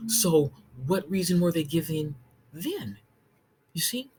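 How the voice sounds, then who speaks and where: An online Bible teacher, a woman with a low, expressive, somewhat mellow voice, gives an informal study talk, earnestly explaining verses. She often checks in with "okay?", restarts her phrases, and reads scripture aloud slowly, with a little hiss or hum on the recording.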